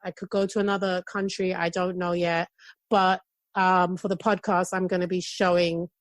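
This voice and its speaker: A middle-aged woman from England with a London accent touched by Jamaican patois, chatting excitedly and rambling as a podcast guest. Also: on the low side, moderate pace, no room sound. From United Kingdom. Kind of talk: casual chat.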